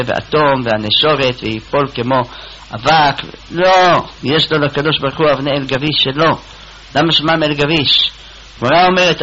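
A man delivers a sermon in a bright, forceful voice that sits a little higher than most. He rises loud and high when he quotes scripture, then sinks to low, scornful asides. The audio is dull and lo-fi, with faint noise. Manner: emphatic, rising sharply when quoting verses; dismissive asides, dropping low and quiet. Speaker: rabbi preacher.

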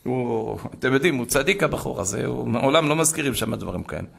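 Gravelly preacher man telling stories. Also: medium pitch, expressive. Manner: emphatic, building to impassioned shouts. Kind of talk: sermon storytelling.

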